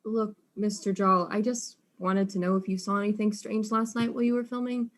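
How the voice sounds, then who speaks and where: Woman as a female detective, polite, probing, calm, audio drama. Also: mid-range voice, fairly quick, slight background noise, lightly acted.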